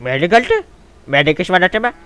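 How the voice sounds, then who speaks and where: Chatty gaming host, slightly high voice. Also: male voice, normal speed, clean tone. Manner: chatty, excitable, keeps calling viewers "my son". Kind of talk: casual game commentary and role-play.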